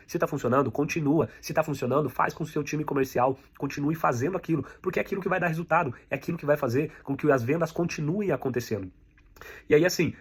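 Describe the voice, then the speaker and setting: A man whose voice is a little high and slightly rough teaches an online sales lesson with a Brazilian Portuguese accent. Acting as sales instructor, he talks to the viewer as "you" and restates the key ideas so they can be noted.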